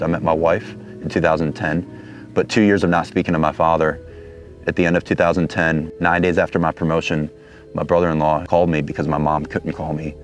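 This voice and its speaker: A man in his thirties from Detroit, a Marine captain giving an earnest, halting personal testimony. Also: a bass voice. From Detroit, Michigan, USA. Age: 30s. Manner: earnest, halting, searching for words.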